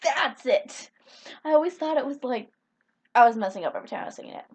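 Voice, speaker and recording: A woman's voice: high-pitched, expressive, fast, a little mellow, breathy edge. A young woman from Minnesota with a Minnesota accent, chatting casually in a vlog, giggly and rambling. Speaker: vlogger. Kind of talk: casual chat.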